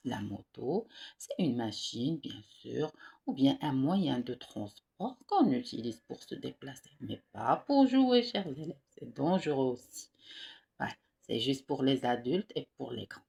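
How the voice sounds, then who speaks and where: A woman teacher giving a reading lesson to young pupils, slow and patient, spelling out syllables and repeating each word. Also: rumbling low, very animated, vocal fry, warm tone, husky.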